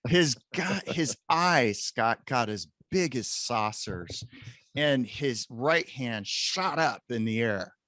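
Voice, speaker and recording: A man in his late fifties, a professor guest in a casual interview, telling an animated story. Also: medium pitch, slow pace, no room sound.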